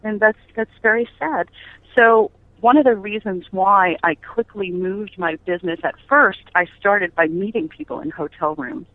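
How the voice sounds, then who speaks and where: A woman's voice: medium pitch, normal speed, no echo. Middle aged lady being interviewed over the phone, chatty, makes her point w questions, thin telephone sound. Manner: chatty, emphatic, uses rhetorical questions. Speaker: podcast guest, business founder. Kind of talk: conversational interview, anecdotal storytelling. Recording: tinny phone-line audio.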